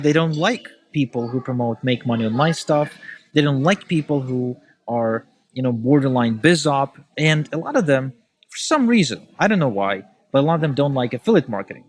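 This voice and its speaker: A man, speaking as a guest in a relaxed podcast chat. He is animated and opinionated, with a mid-range voice that rushes ahead in quick bursts and then slows down again. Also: medium pitch. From Ukraine. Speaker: podcast guest, email marketer. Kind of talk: casual podcast conversation.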